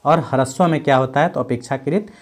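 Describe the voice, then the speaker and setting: A man teaching a grammar lesson who asks questions and answers them himself, repeating key points, checking in often and sounding out letters slowly. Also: mid-range voice.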